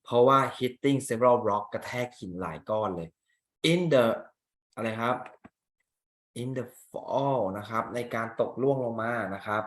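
A man's voice: medium pitch, slow. Chatty Thai male English teacher. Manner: chatty, asks students rhetorical questions. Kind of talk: explaining a reading exam. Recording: echoey room.

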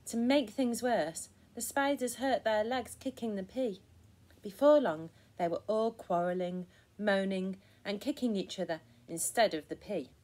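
A woman with a mid-range voice leads a story time, reading a picture book to children at a slightly slow pace. Her delivery is soft, expressive and encouraging.

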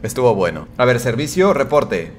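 A young man with a Mexican accent giving excitable gameplay commentary, yelping and swearing at the game as he plays. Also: mid-range voice, normal speed. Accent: Mexican Spanish. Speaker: gaming streamer. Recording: game music behind the voice. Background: game music.

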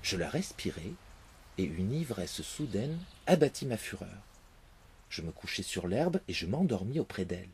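A man reading a fairy tale aloud, expressive in his first-person telling. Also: lowish voice, normal speed, a little hiss or hum. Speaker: narrator. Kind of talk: storybook reading.

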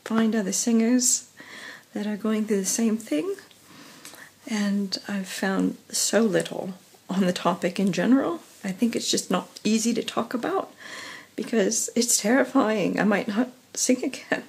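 A young woman, a professional singer, talks slowly in a casual personal vlog, holding her phone camera at arm's length. Her weakened voice is husky and breathy, pitched in an ordinary middle range, and her halting speech is full of fillers, pauses, and soft slips of laughter.

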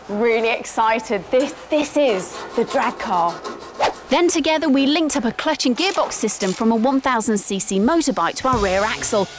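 A young woman co-presenting a TV gadget show and narrating it in a bubbly, excited way. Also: on the high side. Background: backing music.

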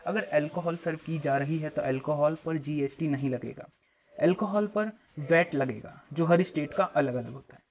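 A man's voice: on the high side, normal speed, dull audio, heavy background noise. A young man from India hosting his own channel, explaining a topic straight to camera in an instructive way, recorded on a clip-on mic in a small room. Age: young adult. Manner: instructive, addresses viewers as friends. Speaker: YouTube channel host. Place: small room before a plain backdrop. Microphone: small clip-on mic on shirt.

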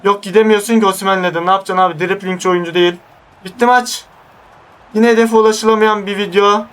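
A young man giving excited live commentary over his own football video game match, groaning and pleading when his team loses the ball. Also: high voice, fast, clear, resonant tone, distant mic. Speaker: gaming YouTuber.

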